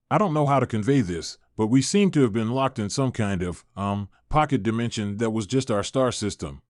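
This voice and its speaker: A man's voice: mid-range voice, darkish tone, dry recording, studio quality, close to an everyday voice. A man voicing an eager woman scientist. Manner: eager, rushing and pleading. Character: excitable woman scientist on a stranded ship.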